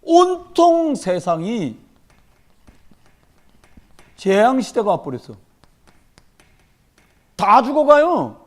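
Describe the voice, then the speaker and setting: Pastor guy preaching, high voice, swings up and down a lot, punchy and jokey. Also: drawn-out words, pauses often. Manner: animated, emphatic, storytelling with humor. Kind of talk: sermon. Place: church sanctuary during a midweek service.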